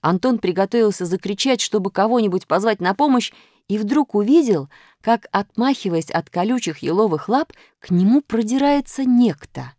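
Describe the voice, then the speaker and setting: A woman narrates a children's tale with expressive, lively intonation. Her voice is of middle pitch and recorded dry and close, with no room sound. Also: moderate pace, no room sound. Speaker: storyteller. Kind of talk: children's story reading.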